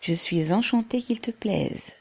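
A woman reading aloud, voicing a calm, terse young male factory worker who speaks quietly. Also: fairly low pitch, unhurried, breathy edge. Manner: brief, quiet.

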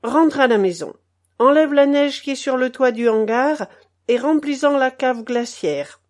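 A woman's voice: high voice, animated, unhurried, a little mellow. A woman reading the part of a harsh male shop clerk who scolds and sneers ironically in a storybook. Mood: scolding.

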